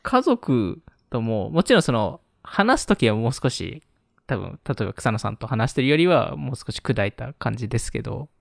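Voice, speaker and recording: A man's voice: medium pitch, big pitch swings, normal speed, creaky, dry recording, studio quality. A man who is stronger in English than Japanese, chatting as a podcast co-host in very polite, formal phrasing with a hesitant delivery. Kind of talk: casual chat in polite Japanese.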